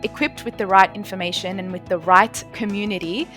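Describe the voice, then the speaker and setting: A woman's voice: mid-range voice, steady tone, brisk, music in the background. A woman, telling her story as a podcast guest, earnest and fluent with many "you know" fillers. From Australia (born in Lebanon). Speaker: guest, lawyer and Airbnb host.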